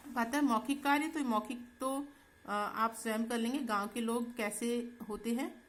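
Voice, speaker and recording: A woman teacher going through textbook exercises with students in a slow, patient way, often checking in as she goes. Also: a little high. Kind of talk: Hindi textbook exercise lesson.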